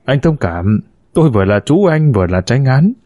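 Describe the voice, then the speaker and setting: A man voicing a calm, stern older uncle who works as a judge. He speaks in a firm, measured way in a spoken story. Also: mid-range voice, no echo, lo-fi sound, close to an everyday voice.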